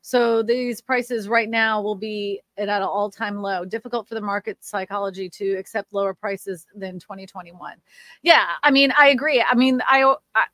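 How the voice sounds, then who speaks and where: A woman from Louisiana hosts a casual livestream about the housing market, reading comments as she goes. Her mid-range voice is slightly nasal and a bit bright, steady in tone and moderate in pace, in a dry recording. She rambles chattily, with lots of fillers and restarts.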